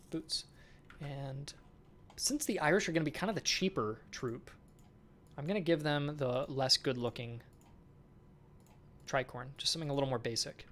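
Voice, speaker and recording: A man's voice: mid-range voice, fairly bright tone, slight background noise. A man streaming as a game developer, chatting casually with viewers and thinking aloud while he works. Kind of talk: casual live-stream chat while working.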